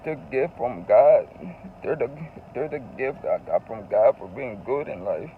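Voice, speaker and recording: A man's voice: mid-range voice, animated, measured pace, narrow, tinny audio, a little hiss or hum. A man telling a personal story in a casual, confessional vlog, earnest and emotional, often repeating phrases for emphasis. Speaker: vlogger.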